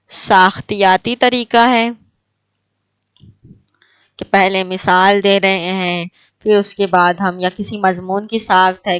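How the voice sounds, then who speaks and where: A woman's voice: medium pitch, fairly bright tone. A woman teaching an exam prep lecture, asking her class questions and then answering them herself.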